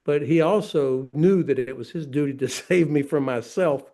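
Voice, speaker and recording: A man's voice: fairly high pitch, normal speed, dark tone. A man in his sixties, a retired army general, telling a self-mocking story on a video panel. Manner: self-mocking, laughing at himself. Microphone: video call.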